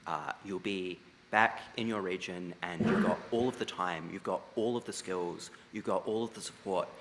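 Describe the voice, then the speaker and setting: A man from New Zealand hosts a debating ceremony with relaxed, lightly joking remarks full of fillers. His voice is very low but sharp and bright in tone. A long hall reverb and faint background noise surround it. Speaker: master of ceremonies. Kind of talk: ceremony hosting. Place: large debating chamber.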